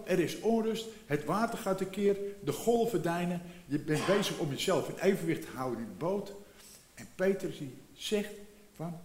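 A man's voice: a little high, darkish tone, roomy sound. A man in his seventies preaching a sermon in a reflective way, repeating phrases and rising for emphasis. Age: 70s.

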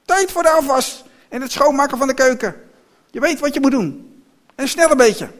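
A man voicing a harsh, bossy older woman who scolds and complains in a shrill voice while reading a story aloud. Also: expressive, moderate pace, fairly bright tone.

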